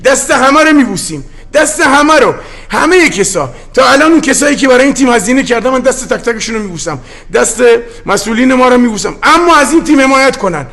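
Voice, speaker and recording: Impassioned high-voiced coach from Gilan. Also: male voice, animated, gravelly, few pauses, fairly bright tone. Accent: Gilaki-tinged Persian. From Gilan, Iran. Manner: impassioned, defiant speech. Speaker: football head coach. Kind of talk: post-match interview.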